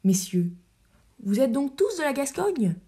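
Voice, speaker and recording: A woman reading the part of an excitable male pastry cook in an audiobook play, exclaiming in a flustered way. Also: high-pitched, a little slow, voice pushed up, heavily acted. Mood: amazed.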